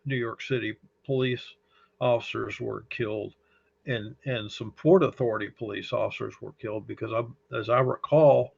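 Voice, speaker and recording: Recounting his memories in an interview, this middle-aged man, a fire service chaplain with a slight Texas accent, speaks slowly and haltingly, full of pauses and fillers. His voice is fairly low with vocal fry and a breathy edge, and the audio is dull and lo-fi.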